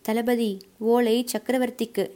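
A woman's voice: on the high side, steady tone, slow, mellow. A woman voicing a bold but polite young male warrior messenger in an audiobook, speaking humbly and respectfully. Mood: humble. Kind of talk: audiobook character voice.

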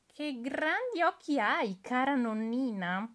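A woman voicing a curious little girl in a storybook reading, in a high, sing-song, wide-eyed manner. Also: big pitch swings, slow, fairly bright tone, full character voice. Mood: innocent.

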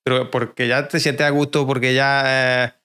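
A man's voice: mid-range voice, little pitch movement, normal speed, pushed and bright. A man hosting a stream, chatting in an easygoing way with lots of fillers and self-corrections. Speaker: streamer host. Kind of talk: casual chat.

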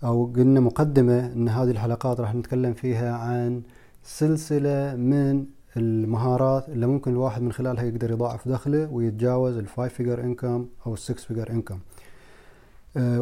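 Fast-talking man, very dark voice. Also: mid-range voice. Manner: repetitive, emphatic, mixes in English terms. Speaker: speaking coach. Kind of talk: casual video lesson.

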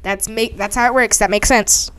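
A woman's voice: on the high side, steady tone, moderate pace, a bit bright, clean tone. A woman improvising a silly story with a friend, playful and giggly, often slipping into silly voices.

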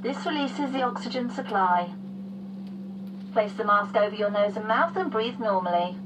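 A woman's voice: mid-range voice, expressive, normal speed. Distant flight attendant woman giving safety announcement. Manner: formal flight attendant instructions. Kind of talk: scripted airline safety announcement. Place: aircraft cabin. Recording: distant cabin PA with clear hum.

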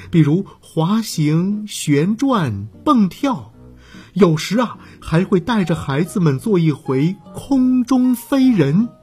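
A man telling a bedtime-style children's story at an unhurried pace, his pitch rising and falling widely. Soft music plays faintly behind him. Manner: expressive, drawn-out storytelling to kids.

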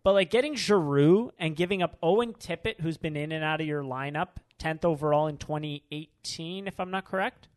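A man with a slightly raised voice co-hosts a casual sports talk. He rambles and restarts as he goes, with his voice jumping up when he gets excited. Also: fairly high pitch, brisk, few pauses. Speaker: podcast co-host.

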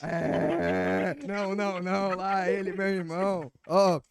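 A man's voice: sits high, fairly even intonation, slow, vocal fry, a crowd in the background. A young man with a Brazilian accent, co-hosting a podcast and freestyling crude, teasing rhymes with friends. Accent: Brazilian Portuguese. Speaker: podcast co-host. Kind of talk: joking freestyle rap among friends.

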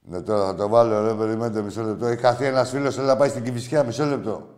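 A man hosting a call-in show, talking bluntly with plenty of swearing, jumping between loud outbursts and low muttering. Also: steady tone. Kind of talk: casual call-in banter.

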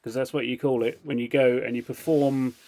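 Laughing, animated man telling a story. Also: medium pitch, a little fast. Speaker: podcast co-host. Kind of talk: casual storytelling chat.

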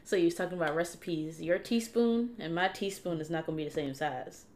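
Lady guest, lowish voice, laid back, agrees a lot, talks things out as she goes. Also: brisk. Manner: relaxed, affirming, thinks aloud. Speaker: podcast guest. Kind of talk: casual chat.

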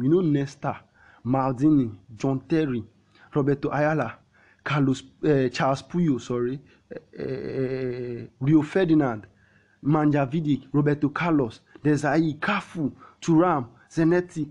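A man with a Nigerian accent hosting a football talk show in casual Pidgin, animated, repeating himself and throwing out rhetorical questions. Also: fairly high pitch. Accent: Nigerian, speaking Pidgin.

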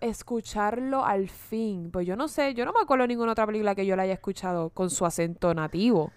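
A woman talks through a film with a co-host, lively and quick to swear, mixing English into her sentences. Her voice is smooth and clear, recorded close and dry with no room sound. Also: medium pitch, dry recording. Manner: animated, swears freely, mixes in English words. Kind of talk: casual film review chat.

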